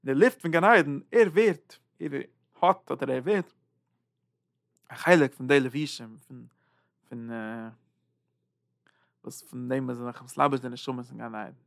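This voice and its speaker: A man teaching a Zohar lesson, halting and repeating words, swinging between loud and soft. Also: mid-range voice, creaky, no echo, clean studio sound. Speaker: Torah teacher.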